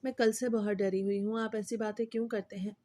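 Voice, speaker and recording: A woman reads out a scared young girl, begging and tearful. The voice stays mellow and low in brightness, close to the reader's own tone. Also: level tone, no room sound, natural voice. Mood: pleading. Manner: pleading, tearful. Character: frightened teenage girl, pleading.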